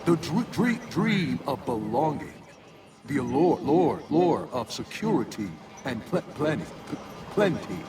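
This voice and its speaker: A man's voice: mid-range voice, sing-song, a little slow, crowd noise. An actor voicing a controlling male AI program in a video game, glitching and stammering over broken syllables. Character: glitching male AI priority set, greedy, controlling. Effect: glitching, stuttering machine voice. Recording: distant game audio with loud noise.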